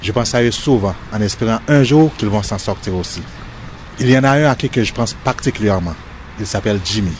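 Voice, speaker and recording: A man's voice: fairly low pitch, brisk, slight background noise. A Haitian-born man, speaking earnestly and directly to a named listener, outdoors in front of a prison. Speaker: former inmate speaking to camera. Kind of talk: documentary address.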